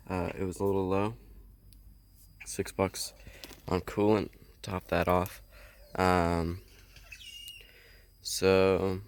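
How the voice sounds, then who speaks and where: A young man with a low, unhurried voice walks through a truck repair in a casual vlog. He talks haltingly and fills the gaps with ums. He is recording outdoors on a phone held in his hand. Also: smooth. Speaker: homesteading vlogger. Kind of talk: casual how-to explanation. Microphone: phone held while filming.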